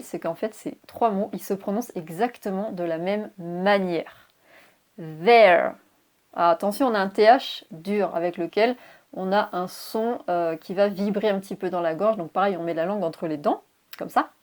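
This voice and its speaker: A woman teaching English pronunciation in a video lesson. She explains clearly and spells words out letter by letter. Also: mid-range voice, normal speed, darkish tone.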